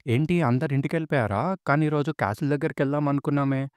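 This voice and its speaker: A man's voice: on the high side, rapid-fire, a little mellow, smooth, dry recording, natural voice. Guy voicing a scared lost little boy, earnest, dry close sound. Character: young boy, frightened then grief-stricken.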